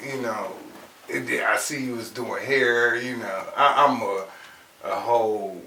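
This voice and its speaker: A man hosts a casual interview in a loose, slangy way, often restarting his sentences. His voice is gravelly and bright. He sounds distant in an echoey room. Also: medium pitch, measured pace, slight background noise. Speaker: interviewer, host.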